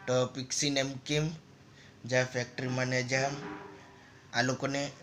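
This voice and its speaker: A man's voice: mid-range voice, flat delivery, measured pace, a bit bright, a little hiss or hum. A man casually narrating a story over a game, in loose, rambling and repetitive phrases. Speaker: gaming channel narrator.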